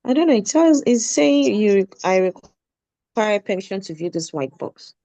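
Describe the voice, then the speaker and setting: A woman's voice comes through a dull, lo-fi video call. She sounds dry and close, with a gravelly, mellow tone. She talks hesitantly, trips over her words and stops mid-sentence. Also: medium pitch, sing-song, moderate pace, no echo. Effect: heard through a video call. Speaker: student in an online class. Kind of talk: casual back-and-forth during a live tutorial. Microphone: device mic on a video call.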